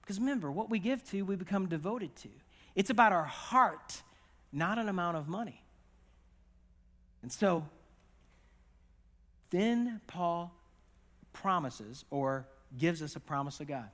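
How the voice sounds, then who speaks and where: A male pastor delivers a sermon in a conversational, animated way, voicing the people in his stories. His voice sits high for a man. A long reverb trails each phrase, as in a large church hall. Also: a little slow, pauses often. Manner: conversational, animated storytelling with acted-out quotes. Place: church auditorium.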